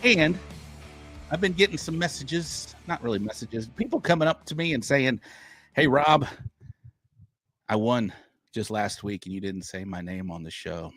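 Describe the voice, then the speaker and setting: A man chats casually as a show host, informal and earnest, with some hesitation. His pitch is average, and faint music sits behind him. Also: animated, normal speed, pauses often, a bit bright, dry recording. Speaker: podcast host. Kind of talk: casual live show chat.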